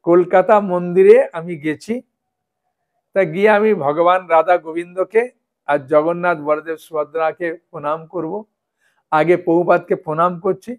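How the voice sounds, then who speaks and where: A man's voice: high-pitched, fairly even intonation, moderate pace. A man teaching a scripture class, explaining with stories and checking in with his listeners often. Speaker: Gita teacher.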